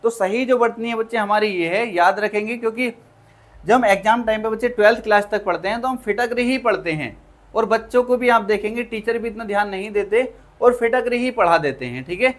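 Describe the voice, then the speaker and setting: A man's voice: sits high, a little fast. A man teaching an online Hindi spelling lesson for exam prep, who repeats each word, keeps calling his students children, and asks and answers his own questions. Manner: drills by asking and answering himself.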